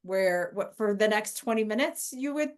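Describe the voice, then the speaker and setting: A woman's voice: medium pitch, lively intonation, moderate pace. A woman speaking conversationally as a podcast host, giving practical instructions to listeners.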